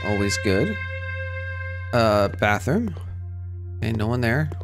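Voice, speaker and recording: Taking it slowly but sounding very animated, a man with a fairly low voice plays a horror game as a let's play gamer. He's jumpy and joking, retorting to characters on screen, and the game's music is clearly heard in the background.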